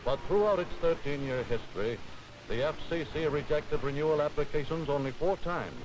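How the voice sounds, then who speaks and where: A man's voice: a little high, normal speed, background noise. A man giving formal, authoritative 1940s newsreel narration in a declamatory voice. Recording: old film soundtrack with music bed.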